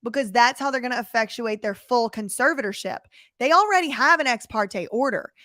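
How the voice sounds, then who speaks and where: A woman's voice: fairly high pitch, expressive, a little fast, pushed and bright, no echo, clean studio sound. A woman hosting casual commentary on footage, emphatic and fond of rhetorical questions to her viewers. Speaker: commentary host.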